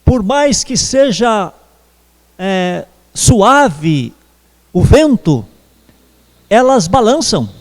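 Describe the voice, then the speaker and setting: High-voiced preacher in an echoing church. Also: male voice, very animated. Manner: slow, measured preaching with pauses. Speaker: pastor. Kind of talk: sermon.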